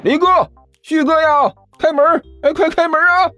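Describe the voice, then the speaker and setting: A male narrator voicing a loud, fawning chubby man who yells and bangs on doors in an audiobook story. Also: wildly swooping pitch, moderate pace, husky, highs cut off, faint music behind, exaggerated voice. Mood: yelling. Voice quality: booming, yelling.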